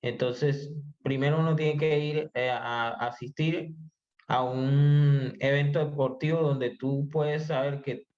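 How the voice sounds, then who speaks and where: A man as an interview guest, explaining his views in a measured way, with frequent hesitations. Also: medium pitch, fairly even intonation, a little mellow. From Colombia. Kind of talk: conversational podcast interview. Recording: slightly muffled audio.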